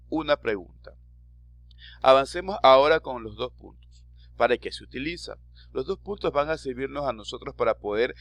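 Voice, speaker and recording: A man's voice: mid-range voice, a bit bright, dry recording. A male teacher giving a recorded grammar lesson to students, quizzing them and using dramatic voice inflections, with a Latin American Spanish accent.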